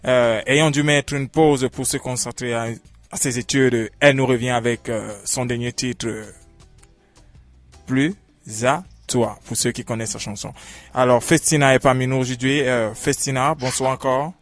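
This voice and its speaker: A man hosting a radio interview, talking with many halting fillers. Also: medium pitch, fairly even intonation, soft background music. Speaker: radio host.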